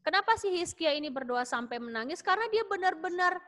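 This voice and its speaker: Animated woman teacher. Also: very high voice, fast. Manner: animated, with casual fillers. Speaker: Sunday school teacher. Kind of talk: storytelling lesson for children.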